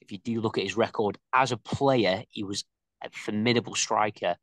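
Male co-host, mid pitch, halting and ummy, dry close recording. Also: a bit bright, dry recording. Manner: hesitant, lots of ums and restarts. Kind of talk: casual fan reaction chat.

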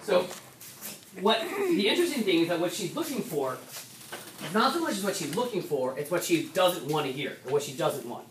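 A woman's voice: fairly low pitch, very animated. A woman speaking as a rowing coach, giving an instructional talk for coxswains in a conversational way, often restarting her sentences. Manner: conversational, many restarts and "so"s, brisk stretches. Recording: echoey room, mic at a distance, faint background noise.

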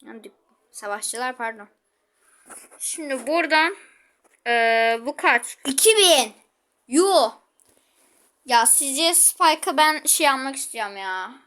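A woman's voice: sits high, animated, slow pace, pauses often, fairly bright tone. A woman giving chatty gameplay commentary, exclaiming and talking to her viewers while she plays. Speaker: gaming channel host.

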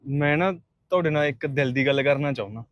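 A man plays a persistent young suitor who speaks in a slightly high, earnest voice with a Punjabi accent. He keeps apologizing and pleading. The sound is dry and close. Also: brisk, dry recording, lightly acted. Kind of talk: short film acting.

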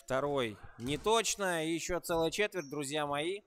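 A man calling a basketball game live, his voice sitting a little higher than most men's. He reels off passes and shots as they happen and lifts his voice on the big plays. Between plays he slips into easy, conversational remarks. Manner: quick play-by-play calls that rise in excitement, with relaxed chatty asides. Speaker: basketball commentator. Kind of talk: live play-by-play commentary.

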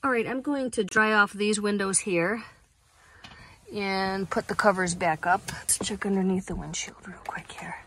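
A woman's voice: medium pitch, moderate pace. A middle-aged woman chatting casually on her van camping vlog, upbeat and thinking aloud as she shows things around her parked minivan. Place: inside a parked minivan, heater running. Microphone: phone camera held or mounted close. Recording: steady heater noise behind.

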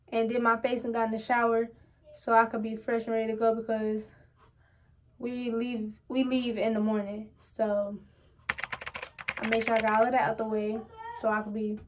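A young woman vlogging casually to the camera at home, chatty and rambling, often calling her viewers y'all. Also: a little high. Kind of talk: casual vlog chat to camera.

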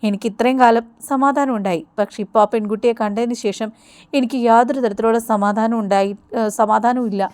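A woman's voice: fairly high pitch, fairly even intonation, a little fast, darkish tone, dry recording, lightly acted. A woman voicing a worried older uncle who earnestly pleads with his nephew. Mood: pleading.

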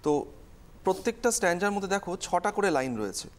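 A woman's voice: lowish voice, big pitch swings, fast talker. A woman teaching a televised exam-prep lesson, explaining step by step and repeating key terms.

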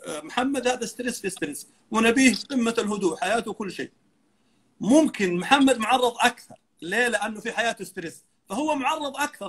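A man's voice: high voice, a bit bright, husky. A man, a dentist guest in an interview, earnestly explaining and dropping English medical terms into his talk.

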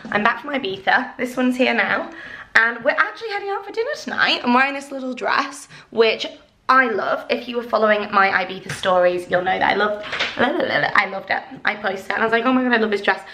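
Young woman vlogger, casual, excitable, friendly chatter; handheld camera sound. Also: fairly high pitch, fast. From England. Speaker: lifestyle vlogger. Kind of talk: casual vlog chat to camera. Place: home kitchen and bathroom, indoors. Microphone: handheld camera at arm's length.

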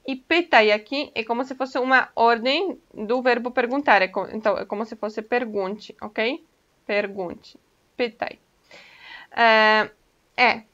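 Bright-voiced woman teaching a language. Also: on the high side, measured pace. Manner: patient, explains step by step, often checks in with "ok?". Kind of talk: casual online language lesson. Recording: dull lo-fi recording.

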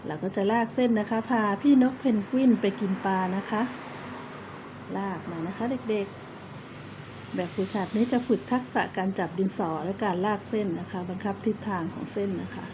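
A woman teaching kindergarten children in an online lesson. She coaxes them patiently and spells words out slowly, one letter at a time. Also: mid-range voice, lo-fi sound. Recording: steady background noise.

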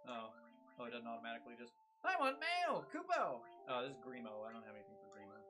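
A man's voice: medium pitch, flat delivery, rapid-fire. A man chatting and joking while he plays a video game, reading game text aloud. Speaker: let's play host. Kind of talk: casual gaming chat. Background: game music.

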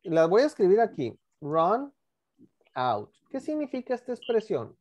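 A woman teaching English in an online class, drilling pronunciation slowly over a computer microphone. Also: medium pitch, sing-song, darkish tone. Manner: slow, drawn-out pronunciation drilling. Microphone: computer mic on a video call.

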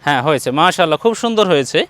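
A man's voice: a little high, expressive, racing, a bit bright, clear, resonant tone, no room sound. A man teaching Quran recitation one-on-one, patiently modelling each letter sound and encouraging his student. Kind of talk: patient one-on-one pronunciation lesson.

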